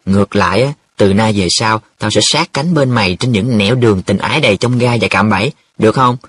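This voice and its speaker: A man's voice: medium pitch, sing-song, fairly bright tone, slightly rough. A man voicing a cheeky, boastful young man who teases his friends in a dramatic, wheedling way. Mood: pleading. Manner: wheedling, dramatic, quick teasing banter.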